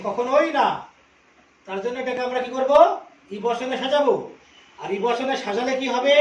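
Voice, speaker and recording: High-voiced man teaching, roomy and distant. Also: slight background noise. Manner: asks questions and answers them himself, repeating key terms; stresses each word when listing examples. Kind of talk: classroom-style explanation to students.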